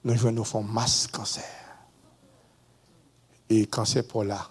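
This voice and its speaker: Delivering a testimony during a sermon, a Haitian-accented male pastor swings from low murmurs to sudden high shouts. His delivery is slow with a breathy edge, and his pitch otherwise moves very little.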